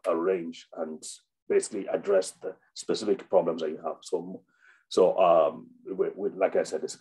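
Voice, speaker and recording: A man's voice: low voice, warm tone, slightly rough, rough recording. A man, a doctor, giving an unscripted health webinar, with many fillers and restarts. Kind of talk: informal health talk.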